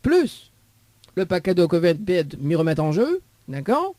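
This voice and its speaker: A man's voice: high-pitched, huge pitch swings, normal speed, a little mellow, no room sound. A man with a Réunion accent hosting a live call-in radio game, joking and teasing the caller and laughing often. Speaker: radio host.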